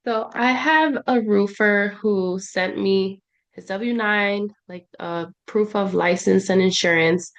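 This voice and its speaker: A woman's voice: mid-range voice, slow. A woman on a video call asking the coach a hesitant, puzzled question.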